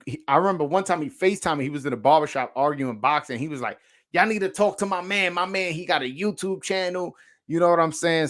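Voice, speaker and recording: A man with a New York accent and a slightly high, fairly bright voice hosts a boxing livestream, chatting casually and reacting to viewer comments. His talk is slangy and profane, with lots of stammered restarts.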